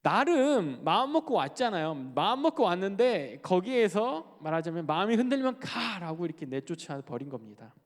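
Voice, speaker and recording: Lively male preacher in a reverberant hall. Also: high voice, moderate pace, hardly any pauses. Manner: lively, talks to the congregation, slips into quoted speech. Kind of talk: sermon. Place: church sanctuary.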